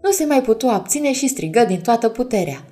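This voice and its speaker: A woman reads a bedtime story aloud in a gentle voice, speaking to the children listening. Her pitch moves in a lively, expressive way. Faint music plays underneath.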